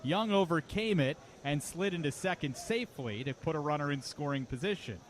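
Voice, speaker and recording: With a voice on the higher side, lively intonation and a fairly quick pace, a man gives detailed live radio play-by-play of a baseball game. Clear outdoor ballpark sounds run behind him.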